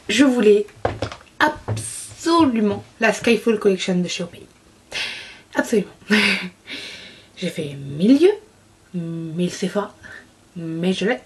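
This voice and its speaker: A woman's voice: medium pitch, darkish tone, slight background noise. A young woman in a casual beauty haul video, talking enthusiastically and often gushing over products. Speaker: beauty vlogger.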